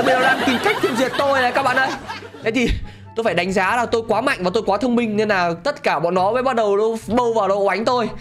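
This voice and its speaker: A man giving excitable gameplay commentary, laughing often and talking straight to his viewers. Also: very high-pitched. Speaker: gaming channel host.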